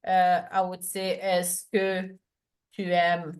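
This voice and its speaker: A woman's voice: lowish voice, monotone, slow pace, a little mellow. A woman teaching a one-to-one lesson over a video call, explaining patiently with many fillers and restarts. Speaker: French tutor.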